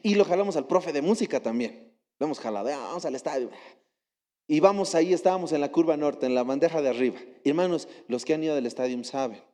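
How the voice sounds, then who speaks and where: A man's voice: fairly high pitch, fast. A young adult man with a Bolivian Spanish accent, preaching a sermon and telling stories with rhetorical questions. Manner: storytelling with rhetorical questions, animated quotes. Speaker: lay preacher. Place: church hall. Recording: long church reverb.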